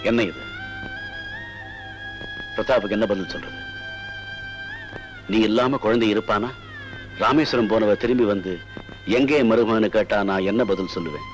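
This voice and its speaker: A man's voice: lowish voice, normal speed, pauses often, soft background music, natural voice. An actor playing an ailing older father-in-law who speaks in an earnest, pleading way. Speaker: head of the family, father-in-law. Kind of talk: film drama acting.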